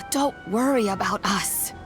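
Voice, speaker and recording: A woman voicing a patient, wise, gently firm old granny in a video game. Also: medium pitch, slow, natural voice. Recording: clear music under the voice.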